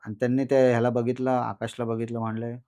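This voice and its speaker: A man recounting a first-person horror experience in a podcast conversation, animated and repetitive with dramatic pauses. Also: medium pitch, no echo, studio quality. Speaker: guest storyteller.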